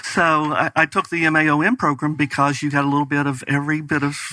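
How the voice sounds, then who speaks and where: A man's voice: on the high side, fairly even intonation, fast talker, pushed and bright, dry recording, rough recording. A middle-aged man with a West Virginia Appalachian accent, answering conversationally as an interview guest. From West Virginia, United States. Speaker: guest, business strategy consultant.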